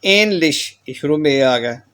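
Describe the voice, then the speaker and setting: A man's voice, a little high, expressive, pushed and bright, moves at a moderate pace through a patient lecture on German pronunciation. He reads each listed word with its meaning and keeps repeating the filler "theek ho gaya ji."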